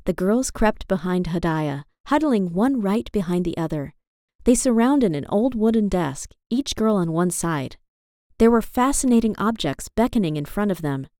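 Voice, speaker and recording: Woman, storybook narrator, expressive, lively pitch, dry close sound. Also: normal speed, no room sound. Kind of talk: children's storybook reading.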